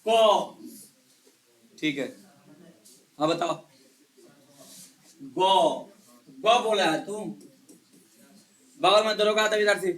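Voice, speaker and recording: A male chemistry teacher in a live class, quizzing students one by one and hushing the noisy ones. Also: sits high, very slow, long pauses. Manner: quizzes students one by one, scolds and hushes them. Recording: echoey classroom.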